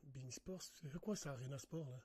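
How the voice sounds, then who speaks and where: A man's voice: medium pitch, normal speed, darkish tone, husky. A man doing a casual livestream rant. He talks straight to his viewers, swears a lot and gets worked up. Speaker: live streamer.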